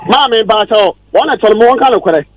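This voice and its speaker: A Ghanaian-accented man calls in to a radio show, arguing his side heatedly, insistently, and with lots of repetition. His voice is high-pitched, expressive, and a little fast, and the audio quality is poor.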